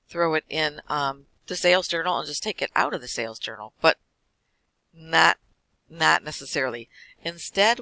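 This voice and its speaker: A man teaching an accounting class, walking through lecture slides quickly with casual fillers. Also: fairly high pitch, vocal fry, sharp tone, no room sound, poor audio. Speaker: accounting instructor.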